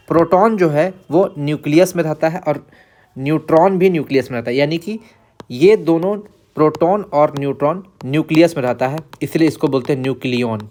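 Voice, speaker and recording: A man with a fairly high-pitched voice teaches an exam-prep chemistry lesson. He explains step by step, repeats key numbers, and poses questions he then answers himself.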